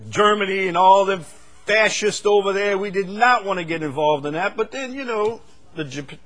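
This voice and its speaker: An older American man preaches a sermon in a voice on the high side, swinging between loud, fervent stretches and quiet asides.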